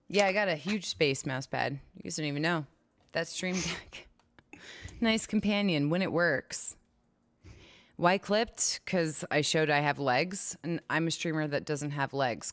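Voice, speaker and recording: A woman's voice: deep voice, a bit bright. A woman hosting a casual livestream, chatty and giggly, often breaking off mid-sentence. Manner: giggly, chatty, self-interrupting. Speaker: livestream host. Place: home streaming setup.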